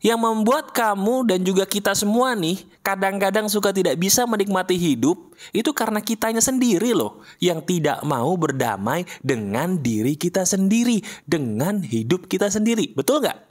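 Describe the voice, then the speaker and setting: A man speaking as a motivational coach over an animated video. He talks directly and casually to the listener, slowing down to repeat the key phrases. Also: high voice. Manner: repeats phrases slowly for emphasis. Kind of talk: motivational talk to viewers.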